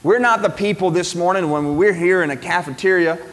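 In a cafeteria being used as a church, a pastor delivers a Sunday sermon to his congregation in an earnest, conversational way with the occasional filler. His voice is fairly high, fairly quick and a bit bright, with a long reverb tail.

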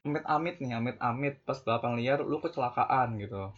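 A man's voice: mid-range voice, fairly quick. Young guy w lecturing, swears a lot, kinda muffled lo-fi audio. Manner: preachy, scolding, heavy slang and swearing. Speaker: vlogger. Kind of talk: ranting monologue.

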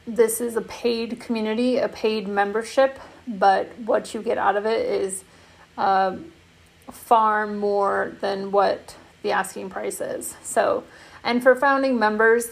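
A woman who founded an online community, talking casually and softly about it, with frequent fillers and restarts. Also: medium pitch, creaky. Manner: soft, meandering, many fillers and restarts. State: has the hiccups. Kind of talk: casual spoken promo talk.

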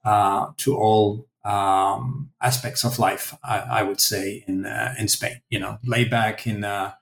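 Slow and creaky, with a fairly low and even voice, this guest is a translation company founder from France in his forties. He responds to the interviewer casually and hesitantly, stumbling through many fillers and restarts, and the sound is roomy.

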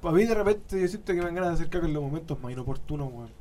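A young man with a Chilean accent, animated and telling stories in casual banter, acting out his friends' voices. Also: fairly high pitch, very fast, a loud crowd. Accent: Chilean Spanish.

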